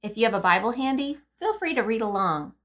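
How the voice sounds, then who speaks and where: A woman hosting a devotional podcast, guiding meditation and reading scripture in a calm, unhurried, gently instructing way. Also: fairly high pitch. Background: music behind the voice.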